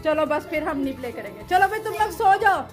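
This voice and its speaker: A woman's voice: high-pitched, big pitch swings, fairly quick, loud music behind the voice. A woman in her thirties, a mother and vlogger, talking playfully and coaxing her children with laughs. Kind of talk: casual family vlog.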